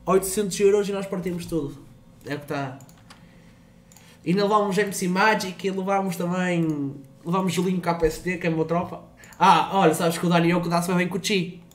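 A man's voice: high-pitched, steady tone, fairly quick. A young man with a European Portuguese accent, streaming a game in casual chat, swearing a lot, teasing and loose.

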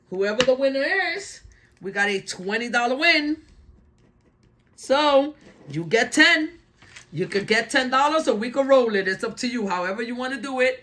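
A woman's voice: medium pitch, fairly bright tone. A woman hosting casual scratch-card play-along commentary, calling out numbers in short phrases. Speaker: host of a lottery scratch-off channel.

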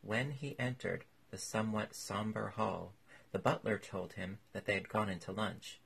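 A man narrating a classic novel as an audiobook in a measured, even reading. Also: fairly low pitch, vocal fry, breathy edge, low-quality recording.

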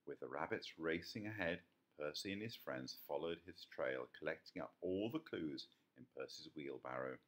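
A man reading a children's story aloud in an expressive, sing-song way, with small slips now and then. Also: extremely low pitch, normal speed, few pauses. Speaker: storybook reader.

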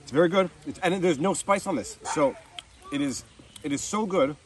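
Thirties man, selfie-cam travel vlogger outdoors, wry and chatty, slightly high voice. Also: moderate pace, noisy background. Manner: playful, wry, chatty with his kids. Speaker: family vlogger. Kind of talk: casual family travel vlog. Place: outdoors at a campsite and roadside. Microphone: handheld camera at arm's length.

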